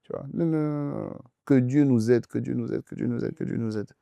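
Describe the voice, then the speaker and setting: A man's voice: medium pitch, a little fast, gravelly, dark tone, dry recording. A young man preaching as pastor in a youth question-and-answer session, emphatic and insistent, repeating phrases straight at the listener.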